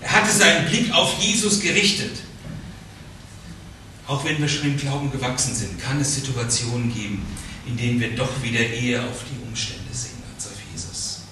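Guy giving a chatty bible talk, bright voice, lots of hall echo, sounds far from the mic. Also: medium pitch, animated, normal speed. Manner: chatty, repeats words, asks listeners "ne?". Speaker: preacher leading a Bible study. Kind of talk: conversational Bible teaching. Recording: very echoey room, distant mic, faint noise.

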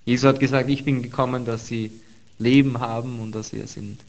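An earnest man preaching a sermon at a mid-range pitch, reading scripture aloud and leaning on key words by repeating them. The recording sounds slightly dull and lo-fi. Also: fairly even intonation, brisk, darkish tone.

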